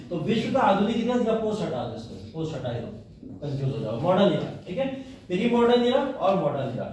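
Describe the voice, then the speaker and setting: A man's voice: high voice, darkish tone. A man teaching a history class, asking his students questions and answering them himself. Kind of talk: classroom lecture. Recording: very echoey room, mic far off.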